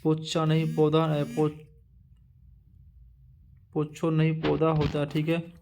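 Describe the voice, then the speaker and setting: A male teacher running an exam-prep lesson, reading through a word list in a repetitive drilling way with halting restarts. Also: fairly high pitch, monotone, a little mellow, a little hiss or hum.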